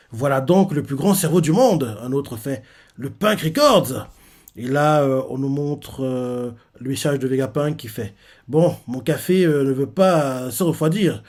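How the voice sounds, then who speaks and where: A man hosting a live manga reaction, reading the chapter aloud and thinking out loud with frequent pauses and restarts. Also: medium pitch.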